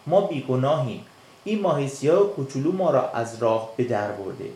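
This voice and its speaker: A man's voice: mid-range voice, expressive, dark tone, lightly acted. A man voicing a group of frightened, cowardly little fish who plead and fawn, in a storybook reading. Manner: pleading, fawning. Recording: echoey room.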